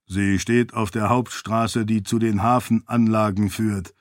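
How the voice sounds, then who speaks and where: Storybook: man doing a loyal floating spirit, anxious and deferential, lower and slower. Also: flat delivery, dry recording, studio quality, close to an everyday voice. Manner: urgent, fearful, deferential.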